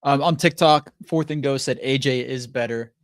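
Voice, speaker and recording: Young man, co-host, casual banter, mid pitch, dry close mic. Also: no room sound. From DC area, USA. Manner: chatty, quick banter, reads out viewer comments. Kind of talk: casual live draft reaction chat.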